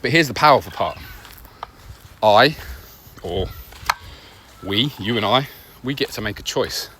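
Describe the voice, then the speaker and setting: The recording is noisy and outdoors, with nature ambience, as a man walks his dog and offers an earnest, reflective personal podcast monologue. He talks conversationally in short, paused phrases, his medium-pitched voice expressive, pushed and bright.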